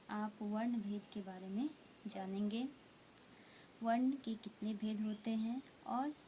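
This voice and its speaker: Slow-spoken woman teaching grammar. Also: mid-range voice, dark tone, a little hiss or hum. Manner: slow, repetitive explaining with frequent "theek hai" check-ins. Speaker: Hindi teacher. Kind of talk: blackboard grammar lesson.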